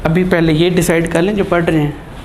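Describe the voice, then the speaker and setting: A man's voice: a little high, little pitch movement, fairly quick, a crowd in the background. A man giving a chatty classroom lecture, teasing his students and mixing in English terms. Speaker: teacher.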